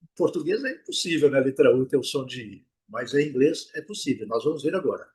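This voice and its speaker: A Brazilian man teaching English pronunciation in an online lesson, explaining patiently and repeating each word slowly to drill it. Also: medium pitch, very animated, a little mellow, husky, poor audio. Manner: drills words by slow repetition; explanatory, with rhetorical check-ins.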